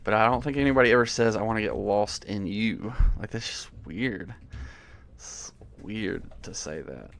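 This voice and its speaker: A man's voice: on the low side, moderate pace, gravelly, a bit bright. A man from the American South giving casual commentary on worship song lyrics, amused and incredulous, with lots of fillers. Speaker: worship music critic.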